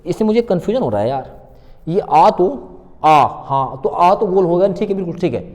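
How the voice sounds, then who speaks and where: A man teaching an exam-prep class, repeating sounds aloud and asking quick rhetorical questions. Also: sits high, expressive, darkish tone, in a large hall. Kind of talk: online exam-prep lecture.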